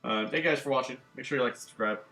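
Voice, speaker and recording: Rapid-fire and sharp in tone, a medium-pitched man co-hosts a gaming channel, rambling casually about video games with plenty of "um" and "like." Faint music sits behind him in an echoey room.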